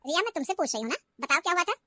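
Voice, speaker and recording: Woman doing a cartoon mother-in-law, middle-aged, nagging, sharp taunts, high voice, bright tone. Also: very animated, very fast, dry recording, exaggerated voice. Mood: stern. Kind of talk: cartoon voice acting.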